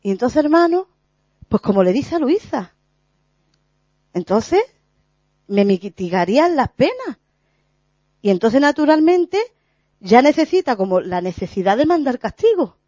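Earnest woman, lively voice. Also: high voice, no echo. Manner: earnest, halting, many restarts and fillers. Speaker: lay preacher sharing a spiritual reflection. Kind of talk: informal religious talk. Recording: dull lo-fi recording.

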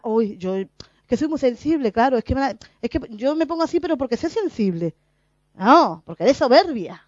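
Woman preaching, high voice, laughs a lot, dry muffled sound. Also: no room sound. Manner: animated, laughs often, acts out her own past voice. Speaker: lay preacher. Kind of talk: spontaneous spiritual testimony. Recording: dull, muffled dry recording.

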